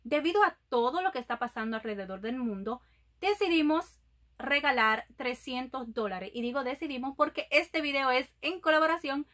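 A woman's voice: sits high, lively intonation, moderate pace, a bit bright. A young woman vlogger announcing a giveaway to her viewers in a casual, affectionate way, filmed close up indoors. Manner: affectionate, addresses viewers as "my loves". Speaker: YouTube vlogger. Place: indoors in front of a green sequin backdrop.

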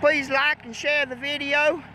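A young man talks in a folksy, rambling way. His voice sits high and his pace is slow and easy. He records on his phone outdoors in a farm field, with a tractor engine loud behind him. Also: level tone, a little hiss or hum. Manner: rambling, folksy, loose grammar. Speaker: farm vlogger. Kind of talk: casual farm vlog. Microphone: phone camera.

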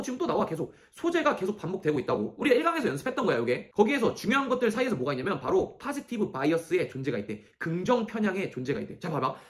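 A man teaching English reading, walking through a passage and often checking whether students follow. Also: high-pitched. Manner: quick, emphatic, keeps checking understanding with "okay?"; asks and answers his own questions. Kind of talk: lecture explaining an English passage.

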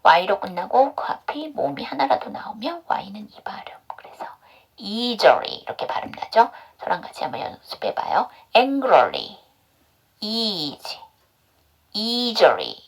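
A woman's voice: mid-range voice, big pitch swings, moderate pace, vocal fry, few pauses, husky, in a whisper. A woman teaching English pronunciation in an online class, drilling step by step by asking questions and answering them herself. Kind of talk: online phonics lesson.

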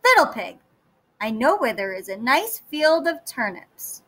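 A woman voicing a scheming, hungry male wolf in a children's story, drawing out his threats slowly. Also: on the high side, very animated, pushed and bright, heavily acted. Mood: sly. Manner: slow drawn-out threats.

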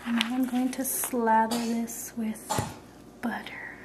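A woman's voice: fairly high pitch, level tone, slow pace. A woman and mother cooking at home, chatting casually to herself and her kids, sometimes dropping to a whisper. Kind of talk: casual cooking vlog chat. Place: home kitchen, indoors. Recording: loud kitchen noise with sizzling food.

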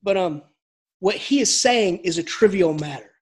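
A high-pitched man teaches an English class at a moderate pace, in a lively and informal way. He restarts sentences often and chuckles through his side remarks.

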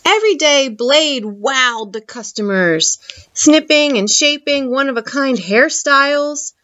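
A woman reads a children's picture book aloud at an unhurried pace, her fairly high voice rising and falling with lively expression. The sound is dull and muffled, as from a lo-fi home recording. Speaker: library storytime reader. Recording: muffled lo-fi audio.

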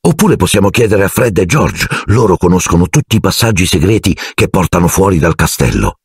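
Narrator playing a careless teen schoolboy wizard, offhand, dreamy, husky voice, lively delivery, storybook audiobook. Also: male voice, sits low, fairly quick, dry recording, studio quality, full character voice. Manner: offhand and dreamy about sweets.

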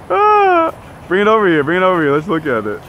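A young man hosting a fishing vlog outdoors by a pond, chatting and laughing, yelling when fish bite. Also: high voice, highs cut off, a little hiss or hum. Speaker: fishing channel host. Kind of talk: excited outdoor vlog chat.

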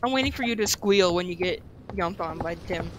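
A woman's voice: lowish voice, animated, a little fast, faint music behind. A young woman chatting casually while playing a game, giggly and jittery, swearing playfully as her nerves get to her. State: jittery and shaky. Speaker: gamer recording a video. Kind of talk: casual gaming chat. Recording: clear background noise.

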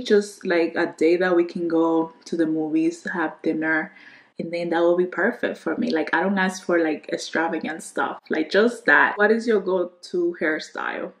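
A beauty vlogger with a voice on the low side sits in her bedroom, casually answering questions to camera. She's in her twenties, from the Dominican Republic, a native Spanish speaker with a Dominican accent, and she rambles chattily, trailing off into restarts and gesturing, in an echoey room.

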